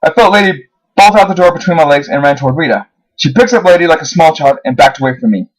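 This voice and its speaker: A man's voice: on the high side, expressive, fast talker, rough recording. A man reading his own first-person horror story aloud, his voice rising on the dramatic moments. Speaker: narrator.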